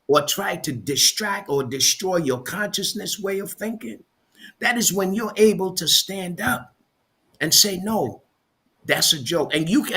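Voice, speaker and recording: Emphatic, preacherly man with a bright voice. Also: sits high. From Barbados. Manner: emphatic, preacherly, repeats words. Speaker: guest. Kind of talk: motivational interview talk.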